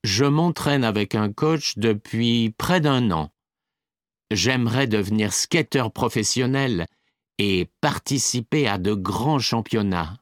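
A man's voice: fairly low pitch, slow, no echo, clean studio sound. A man playing a keen young skater. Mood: earnest. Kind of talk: scripted exam listening dialogue.

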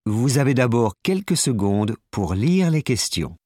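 A man reading listening-exam instructions in a slow, deliberate way. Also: mid-range voice, very animated, darkish tone, dry recording, clean studio sound. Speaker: exam announcer.

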